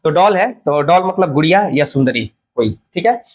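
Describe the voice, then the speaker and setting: A man's voice: on the high side, expressive, moderate pace. A man teaching a beginner grammar lesson, walking through examples step by step and often checking in with "okay?". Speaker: English teacher.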